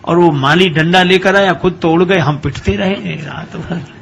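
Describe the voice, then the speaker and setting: A man's voice: high voice, measured pace, creaky, fairly bright tone, a little hiss or hum. A male preacher telling a humorous devotional story in a chatty sermon style, laughing along as he goes. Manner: chatty storytelling, laughing at his own tale.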